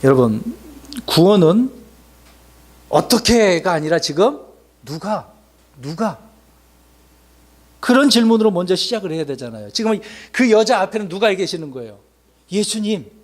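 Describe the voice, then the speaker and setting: A man's voice: high-pitched, sing-song, moderate pace, long pauses. A man pastor preaching a sermon, asking rhetorical questions and acting out people's excuses.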